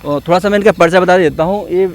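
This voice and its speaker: A man's voice: high-pitched, fast. A man coaching at a police exam academy speaks. His tone is earnest and encouraging as he praises his students, like a teacher rallying his class outdoors. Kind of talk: motivational talk with students.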